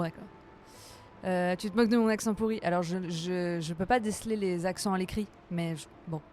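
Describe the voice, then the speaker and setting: A woman's voice: mid-range voice, slight background noise. Playful woman streamer with a tired voice. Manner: playful, chatty, quick to laugh. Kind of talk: casual live-stream chat while gaming.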